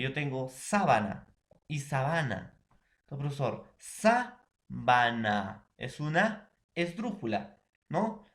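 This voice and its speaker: A man from Peru gives a classroom explanation, his voice sitting a little higher than most men's. He goes through the material step by step and keeps checking that his listeners are following. The delivery is plain and patient.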